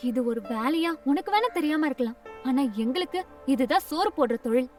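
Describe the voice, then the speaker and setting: A woman's voice: sits high, lively intonation, fairly quick. An actress playing a poor young woman who picks rags and speaks earnestly and shyly, in a distant film recording over music.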